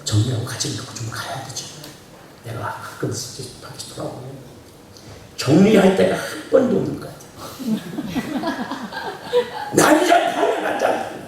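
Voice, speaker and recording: Male pastor, high and very animated, folksy sermon with shouted peaks, distant mic in a very echoey church. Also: normal speed, pauses often, slight background noise. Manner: animated preaching, swings from quiet asides to shouting; laughs often, chatty and folksy. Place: church sanctuary. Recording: very echoey church hall, preacher heard from far off.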